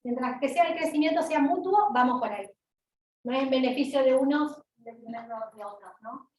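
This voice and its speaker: A woman lecturer with an Argentine accent, giving an animated university talk and asking her audience questions, recorded in a large lecture hall. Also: high voice, moderate pace, slight background noise. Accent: Argentine Spanish. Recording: roomy hall sound, mic at a distance.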